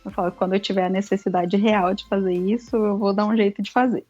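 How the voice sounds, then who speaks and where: A Brazilian woman, a podcast guest, telling her story in a lively, animated way. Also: mid-range voice, fast, muffled recording, faint music behind. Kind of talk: casual storytelling interview.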